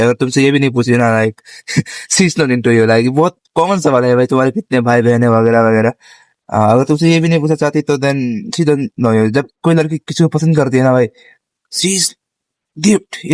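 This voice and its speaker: A man's voice: medium pitch, darkish tone, no room sound. Chatty young man with a dry close sound. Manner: laughs often, mixes Hindi and English; chatty, addresses listener as bro. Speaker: vlogger giving dating advice. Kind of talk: casual advice monologue.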